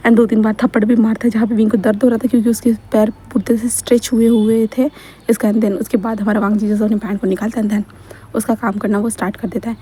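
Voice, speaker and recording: A woman's voice: on the high side, level tone, fast, warm tone, breathy edge. A woman narrating a fan-fiction story in a casual, chatty way, with many fillers. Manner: chatty, fillers and mixed-in English words.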